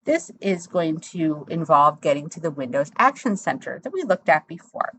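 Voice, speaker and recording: A woman instructor talking through a software tutorial step by step, in a conversational, explanatory way. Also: deep voice, very animated, normal speed, slightly rough.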